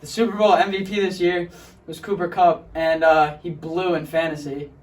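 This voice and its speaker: A teenage boy hosting a student street-interview segment, quick and casual. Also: fairly high pitch, little pitch movement. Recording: echoey space, distant mic.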